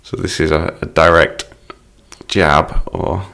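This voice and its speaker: Male English teacher, low gravelly voice, patient explainer, walks through song lyrics. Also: fairly even intonation, takes it slowly, sharp tone.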